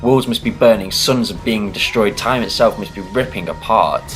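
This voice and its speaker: A man's voice: fairly low pitch, normal speed, soft background music, close to an everyday voice, low-quality recording. A man playing an imperious time traveller in an audio drama, with a theatrical, demanding manner. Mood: dramatic. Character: the Doctor, imperious, theatrical male Time Lord.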